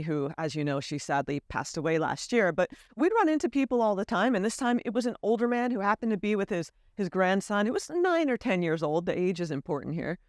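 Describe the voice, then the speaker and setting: An American vlogger with a fairly low voice tells a personal story to camera, recorded in clean studio sound with no room sound. She comes across as earnest and candid, adding lively emphasis.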